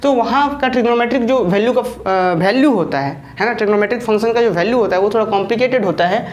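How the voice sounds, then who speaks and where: A woman's voice: fairly high pitch, fast. A woman maths teacher with a Jharkhand Hindi accent giving an online lecture. She explains step by step and keeps checking that students follow.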